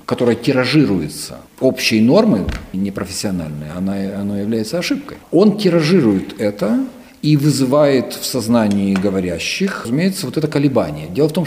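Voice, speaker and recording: A middle-aged man heading a university language department, answering interview questions in a measured, lecturing way with some hesitation fillers. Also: medium pitch, warm tone.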